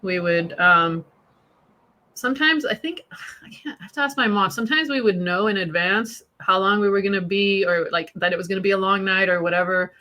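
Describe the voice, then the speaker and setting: Woman in her 40s from Iran, bright clear voice, candid chatty podcast host. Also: mid-range voice, a little fast. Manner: chatty, swears freely, laughs through dark memories. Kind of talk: candid casual conversation.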